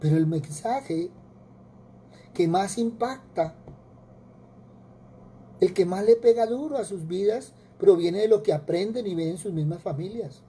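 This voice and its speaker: A man's voice: high-pitched, unhurried, long pauses, warm tone, slightly rough. A man with a Colombian Spanish accent preaching a sermon, earnest, with repetitions and rhetorical questions.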